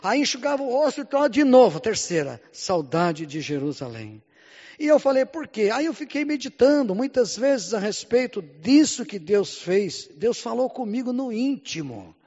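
A Brazilian man preaching a sermon in Portuguese, often calling out "Amém?" and "Glória a Deus", swinging between loud and hushed lines. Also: very high-pitched, sing-song, moderate pace. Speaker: pastor. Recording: muffled sound with long hall reverb.

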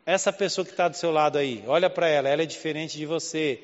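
Speaking quickly with a fairly high pitch, a Southeast Brazilian pastor asks rhetorical question after rhetorical question in a conversational sermon. He has a Southeast Brazilian Portuguese accent, and the church hall gives the lo-fi audio a long, lingering reverb.

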